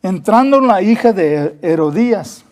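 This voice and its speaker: A man's voice: sits high, lively intonation, unhurried, a little mellow. A man preaching a Bible study sermon as pastor, earnest, repeating words and acting out quoted dialogue, slipping between Spanish and English.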